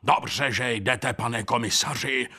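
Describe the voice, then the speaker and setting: A man voicing a pompous, excitable middle-aged saddler who blusters indignantly in a storybook reading. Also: mid-range voice, breathy edge.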